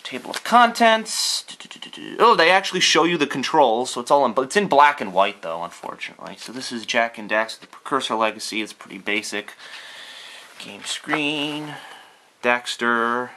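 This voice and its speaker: A man's voice: medium pitch, moderate pace, bright, forceful tone, a little hiss or hum. A young man casually talking through an unboxing in his bedroom, rambling, thinking aloud and swearing offhandedly. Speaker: YouTuber doing an unboxing.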